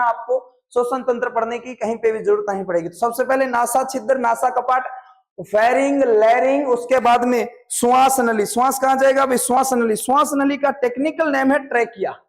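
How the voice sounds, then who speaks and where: A man's voice: extremely high pitch, steady tone, a little fast, few pauses. A man with a Rajasthani accent teaching a classroom biology lesson, often quizzing his students and drilling terms by repetition. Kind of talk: classroom lecture.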